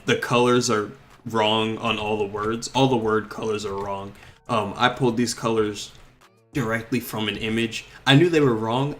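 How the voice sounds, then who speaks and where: A man streaming live as he designs police cars for a game, chatting casually with plenty of ums and likes. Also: lowish voice. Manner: relaxed, rambling, full of ums and likes.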